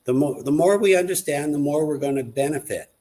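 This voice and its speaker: A man's voice: fairly high pitch, a little fast, mellow. A man speaking earnestly as a guest on a live online talk show, in casual conversation.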